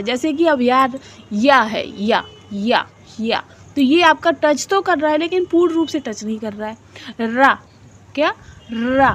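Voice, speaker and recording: A woman teacher giving an exam-prep lesson, asking her own questions and answering them, repeating syllables aloud to demonstrate sounds and mixing English words into her talk. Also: high-pitched. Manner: mixes English words into Hindi.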